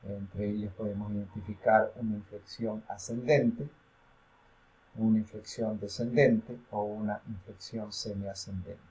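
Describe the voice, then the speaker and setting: Man, lecturer, fairly low voice, explanatory, fillers and restarts. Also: steady tone, measured pace, a little mellow, rough recording. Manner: explanatory, with frequent fillers and self-corrections. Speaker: university lecturer. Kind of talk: recorded academic lecture.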